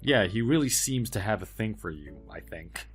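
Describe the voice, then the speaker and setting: An actor playing a polite, helpful young office worker with quiet backbone, speaking in an earnest, measured way in a dramatized story. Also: male voice, fairly low pitch, animated, breathy edge, faint music behind. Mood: kind, supportive.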